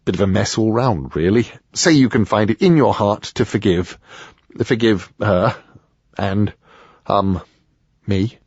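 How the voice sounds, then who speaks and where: A man voicing an amiable, posh middle-aged Englishman who talks in a smooth, chatty way with hesitant fillers. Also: medium pitch, big pitch swings, moderate pace, no echo, lo-fi sound, pitched above the performer's own voice. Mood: apologetic charm.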